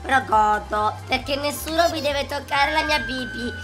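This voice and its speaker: A man voicing an excitable, dramatic little boy who squeals, shouts and sings out, in a gaming reaction video with game music behind. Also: very high voice, normal speed. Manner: squealing, shouting and sing-song outbursts. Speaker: YouTuber.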